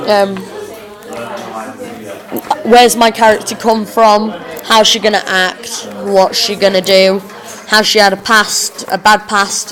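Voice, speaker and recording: A young woman with a slightly chavvy working-class English accent, giving an informal, halting spoken self-review as a drama student. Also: medium pitch. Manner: hesitant, halting, thinking aloud. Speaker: drama student recording a reflective blog.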